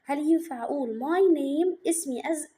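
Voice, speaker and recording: A young woman with an Egyptian Arabic accent teaching a lesson, repeating each word slowly so children can copy it. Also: high voice, dark tone. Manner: repeats words slowly for drilling. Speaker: English teacher. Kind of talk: slow explanatory lesson.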